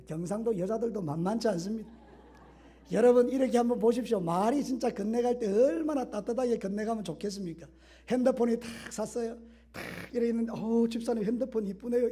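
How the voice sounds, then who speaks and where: A middle-aged male pastor preaching a sermon, swinging from loud exhortation to soft asides. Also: sits high, husky. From Korea.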